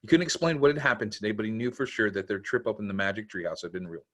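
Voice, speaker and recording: A man's voice: on the low side, fast talker, sharp tone. A man narrating a children's storybook aloud, in simple storytelling meant for kids. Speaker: camp executive director reading to children.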